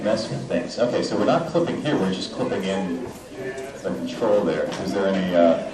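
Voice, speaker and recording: A man speaking at a convention question panel, joking and chatty with many filler sounds, his voice coming through a loudspeaker system with fuzz distortion from clipping. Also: deep voice, expressive, normal speed. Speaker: voice actor answering fan questions. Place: large convention hall with an audience. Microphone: handheld mic into the house speaker system. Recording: echoey hall through loudspeakers, from far off, with crowd.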